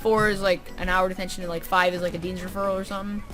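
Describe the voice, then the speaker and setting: A woman's voice: lowish voice, little pitch movement, very fast, a bit bright, soft background music. A young woman vlogger telling a story casually to camera, full of "um" and "like" fillers, with dry sarcastic asides.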